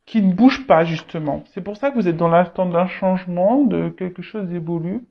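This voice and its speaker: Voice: medium pitch, moderate pace, gravelly. Hesitant tarot reader with a dull lo-fi sound. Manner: hesitant, repeats words, frequent fillers. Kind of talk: unscripted tarot reading addressed to viewers.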